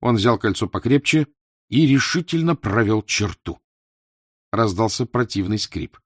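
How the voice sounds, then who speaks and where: Guy reading a novel aloud, measured, husky voice, dry close sound. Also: lowish voice, animated, fairly bright tone, no room sound. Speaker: audiobook narrator. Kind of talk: scripted literary narration.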